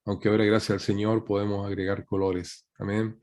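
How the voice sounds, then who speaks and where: A man's voice: fairly low pitch, little pitch movement, a little fast, a little mellow. A man, a guest pastor, preaching a teaching sermon over a video call, asking rhetorical questions and often ending points with a questioning tag.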